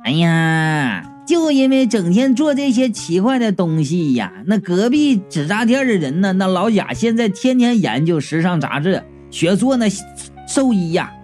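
A man's voice: high-pitched, very animated, a little slow, darkish tone, faint music behind. A man doing indignant gossipy aunties. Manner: complaining, gossipy. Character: indignant chattering middle-aged aunties.

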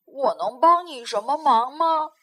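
A woman voicing a big, kind male bear who speaks in a muffled, booming, slow way. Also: bright, forceful tone.

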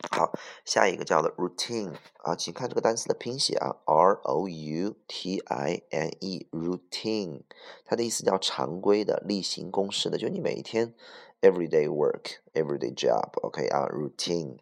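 A man's voice: low-pitched, expressive, normal speed, vocal fry. A man teaching English vocabulary, spelling words out letter by letter, mixing in English examples and correcting himself along the way. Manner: self-correcting, with many fillers. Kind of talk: vocabulary lesson.

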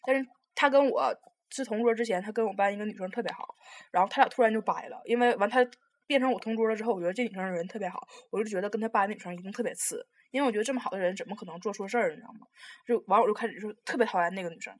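A young woman, telling a story in casual chat, rambling and animated with lots of restarts. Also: medium pitch, very fast. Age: young adult.

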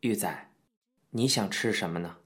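A man voicing a polite, gentle middle-aged man in an audiobook reading. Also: lowish voice, normal speed, pitched below the performer's own voice, natural voice. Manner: polite, gentle, soft-spoken. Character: courteous middle-aged man living in Japan, soft-spoken. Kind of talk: audiobook character voice.

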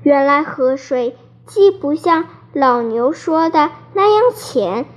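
A woman reading a children's story aloud in a clear, measured way. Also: sits high, animated. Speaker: narrator.

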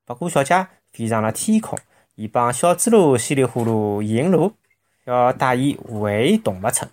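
Children's storyteller: Shanghainese accent, mid-pitched, highly animated, expressive delivery. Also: moderate pace. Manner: expressive, with vivid sound words.

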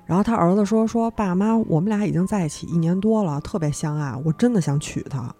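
A young woman narrating a horror story as podcast host, acting out each character's lines with sudden jumps in pitch. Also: fast. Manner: animated telling, acts out the characters' lines with sharp pitch jumps.

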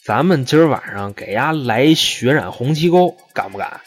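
A drunk young thug, swaggering and profane, voiced by a male storyteller. His threats come out crude and blunt in an ordinary medium-pitched voice. Faint music plays underneath. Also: expressive, moderate pace, close to an everyday voice. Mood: menacing.

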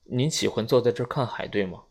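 A man's voice: medium pitch, fast talker, gravelly. A man reading an audiobook, voicing an uneasy, frightened young woman who asks tense, shaky questions.

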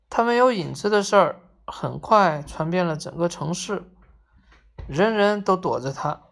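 A woman reading a children's story aloud in a gentle, expressive storytelling manner. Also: on the low side.

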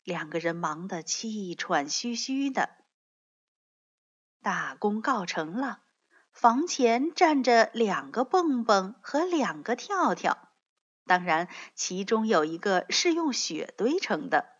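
A woman reads a children's story aloud slowly, her voice bright and lilting with wide, animated pitch. Gentle and expressive, heard on a dull lo-fi recording. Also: slightly rough.

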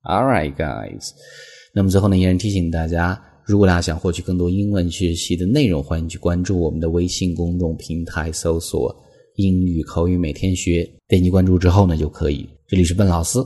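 A man teaching English phrases as a lesson, explaining patiently and reading example sentences slowly. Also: low-pitched, fairly even intonation, dark tone, husky. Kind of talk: language lesson.

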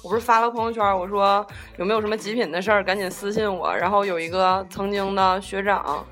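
A young woman chats bluntly and jokes around with friends. Her mid-pitched voice has a bright edge, and faint music plays beneath. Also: steady tone, quick pace. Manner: blunt, joking. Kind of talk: casual group chat.

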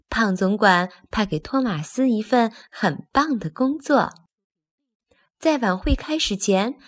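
A woman narrating a children's story in a lively, expressive way, speaking to young listeners. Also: mid-range voice.

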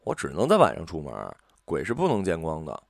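A man narrating a ghost story in an expressive storytelling delivery. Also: low voice, a little fast, no echo, studio quality. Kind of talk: audiobook storytelling.

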